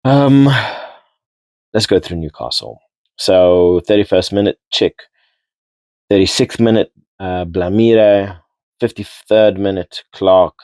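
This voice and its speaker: A man's voice: low-pitched, a little mellow, dry recording. A man giving a casual, rambling rugby match recap, repeating and restarting words as he goes. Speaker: rugby vlogger.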